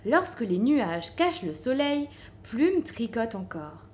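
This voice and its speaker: A woman reads a children's picture book aloud, slow and unhurried. Her somewhat high voice rises and falls with lively, singsong expression, gentle and clear for young listeners. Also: dull audio, a little hiss or hum. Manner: gentle, expressive storybook reading. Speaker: storyteller.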